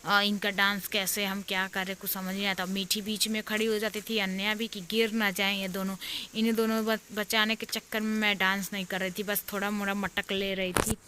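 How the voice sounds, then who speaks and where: A woman's voice: medium pitch, flat delivery, moderate pace, noisy background. A young woman vlogger chatting casually as she narrates a family party in a rambling, storytelling way.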